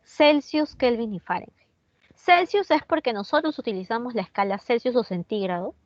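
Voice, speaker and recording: A woman from Peru, speaking with a Peruvian Spanish accent, teaches an online chemistry class in a chatty way, often questioning her students and responding to their comments. Her voice is on the high side at a normal speed, and the audio is dull with no room sound.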